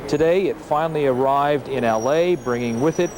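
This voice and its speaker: A male field reporter speaks live from an airport terminal in a measured, steady way, often pausing on "uh". His voice sits at a middle pitch. The sound comes from a worn VHS tape copy, with clear hiss and background noise. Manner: measured delivery with frequent "uh" fillers. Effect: worn tape copy of a TV broadcast. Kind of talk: live television news report.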